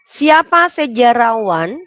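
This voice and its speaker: A woman's voice: on the high side, sing-song, takes it slowly, fairly bright tone, dry recording. A young woman, hosting a heated debate and pressing her questions insistently. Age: young adult. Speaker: debate host. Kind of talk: heated online religious debate.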